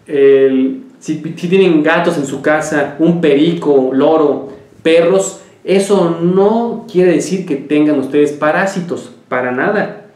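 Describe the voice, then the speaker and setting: A man's voice: on the high side, takes it slowly, a little mellow, reverberant. A man, a health show host who talks casually and tells jokes while giving home remedies. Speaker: naturopathic doctor host.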